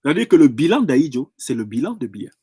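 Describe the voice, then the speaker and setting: Emphatic man with a lively, high voice. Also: fast talker, slightly rough, dry recording, studio quality. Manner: emphatic, professorial, repeats and rephrases phrases for effect. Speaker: political commentator. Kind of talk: impassioned political monologue.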